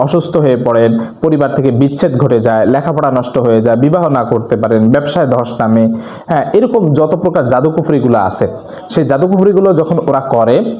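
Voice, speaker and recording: Man preacher, earnest exhorting tone, mellow fairly high voice, echoey room. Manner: earnest, exhorting, reciting Arabic supplications slowly. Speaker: Islamic preacher. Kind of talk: religious talk.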